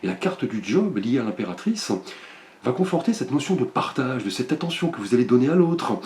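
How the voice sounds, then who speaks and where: Male tarot reader, gentle and halting, mid-pitched, roomy echo behind the voice. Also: big pitch swings. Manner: gentle, many fillers like "euh" and "hein". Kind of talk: monthly astrology card reading.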